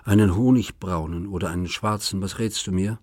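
A man's voice: sits low, a little fast, a little mellow, no room sound, clean studio sound. A man reading an audiobook, voicing a bitter young woman in a hospital bed who accuses and mocks in a biting, sarcastic way. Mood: hurt. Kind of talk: audiobook character voice.

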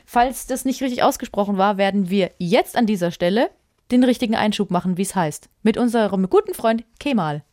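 A woman's voice: medium pitch, expressive, a little fast, a little mellow. A woman co-hosting a casual podcast about sex, chatting and thinking aloud with a giggle. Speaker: podcast co-host.

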